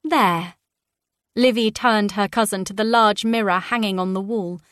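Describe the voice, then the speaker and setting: A woman narrating a historical novel aloud in an even, measured manner. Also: medium pitch, no echo, studio quality. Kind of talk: audiobook narration.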